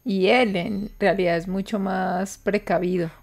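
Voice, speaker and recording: A woman's voice: mid-range voice, fairly even intonation, unhurried, gravelly, darkish tone. A woman hosting a reaction video, gasping and exclaiming as she watches an episode.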